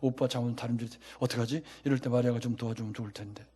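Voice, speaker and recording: A man voicing a fretful woman hostess worrying over preparations, reading it softly in a sermon. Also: medium pitch, steady tone, racing, husky, close to an everyday voice. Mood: fretting. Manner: quiet anxious musing. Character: fretting busy woman hostess.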